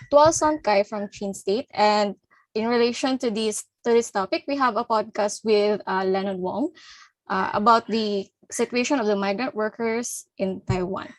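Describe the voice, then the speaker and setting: A woman's voice: mid-range voice, no echo. A woman acting as MC of an online panel discussion, cheerful and laughing lightly between lines. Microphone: video call.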